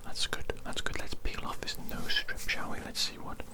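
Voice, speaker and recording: In a whispered ASMR roleplay, a man plays an eccentric, fussy evil doctor pampering a captive patient through a personal grooming session. His whisper is breathy and unvoiced, delivered at normal speed with repetitive phrasing. He is recorded close to the microphone.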